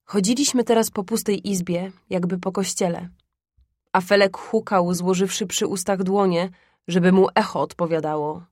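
Calm woman storyteller, even delivery, dry close mic. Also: fairly low pitch, moderate pace, no echo. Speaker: audiobook narrator. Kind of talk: scripted literary narration.

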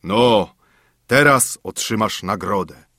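A man voicing a huge, haughty male spirit freed from a bottle in a fairy tale, speaking slowly and threateningly. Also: sharp tone, dry recording, clean studio sound, full character voice. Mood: coaxing. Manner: slow, booming and threatening. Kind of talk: storybook narration.

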